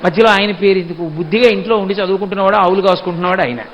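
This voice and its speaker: A man giving a devotional discourse, retelling a sacred story in an animated way. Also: high voice, very fast, highs cut off, some chatter behind, slight background noise. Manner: animated storytelling, acts out voices. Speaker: spiritual discourse speaker.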